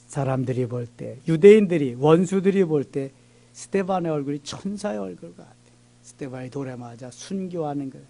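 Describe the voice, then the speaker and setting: A man's voice: a little high, a little mellow. A man preaching a Korean church midweek sermon, reading scripture aloud and driving points home with emphatic repetition. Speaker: pastor. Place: church sanctuary.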